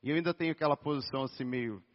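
A man, a physical education teacher, preaching a sermon in a conversational, storytelling way with a naturally hoarse voice. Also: mid-range voice, rapid-fire. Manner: storytelling, conversational, addresses listeners as brothers. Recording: dull sound with long reverb in a hall.

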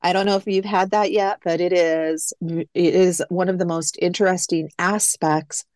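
A woman's voice: on the low side, steady tone, normal speed, a little mellow, dry recording. A woman who is an adoptee guest, reflectively telling her story in a casual interview and quoting past phone calls. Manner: reflective, retells phone calls with quoted dialogue.

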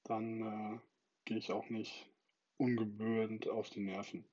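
A man reading a children's book aloud in a calm, earnest way and making modest remarks about his own voice. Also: lowish voice, measured pace, slightly rough, dull audio. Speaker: storybook reader.

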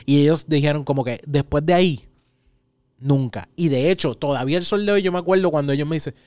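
A Puerto Rican man in his thirties, a podcast host, telling a story in casual chat and acting out his own shouts. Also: a little high, fast, no echo. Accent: Puerto Rican Spanish.

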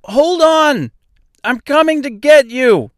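A man's voice: mid-range voice, animated, drawn-out words, no room sound, studio quality. A man voicing Dorothy, a wary, determined young woman who calls out urgently or pleads nervously. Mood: calling out. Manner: raised, urgent calling.

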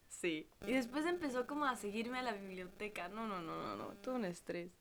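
A woman's voice: fairly high pitch, lively intonation, unhurried. A young adult woman telling a funny personal story in a casual chat, laughing often and dropping in English slang.

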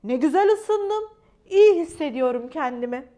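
A woman's voice: sits high, animated, moderate pace, warm tone. A woman voicing a sick male lion with a cold in a children's storybook, whiny and pleading. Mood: relieved.

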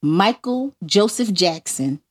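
A woman's voice: mid-range voice, lively intonation, slow, husky. A woman co-hosting a podcast in casual, playful chat, laughing often. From New York. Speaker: podcast co-host.

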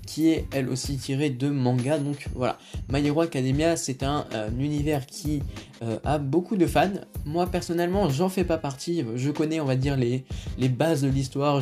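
A man's voice: mid-range voice, mellow. A man with a French accent hosting a casual film review podcast, talking hesitantly with many fillers and restarts. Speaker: podcast host.

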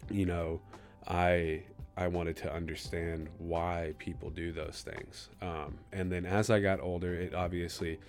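Soft background music sits under this young Kansas City man, a podcast host in his twenties, as he muses alone on his show, earnest and a bit wandering. He speaks low and flat at a measured pace, with a darkish tone.

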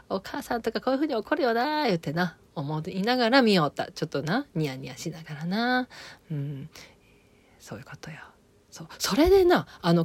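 A woman's voice: lowish voice, dry recording. A woman with an Okayama accent chatting casually about a TV drama, rambling with many fillers and self-corrections. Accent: Okayama dialect of Japanese. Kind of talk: casual spoken recap of a TV drama.

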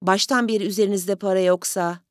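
A sharp-tongued, suspicious mother from a storybook, as the reader puts her on, clipped and cold in every reply. Read at the narrator's middling pitch in a dry, close recording. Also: fairly even intonation, fast talker, dry recording, natural voice. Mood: curt suspicious.

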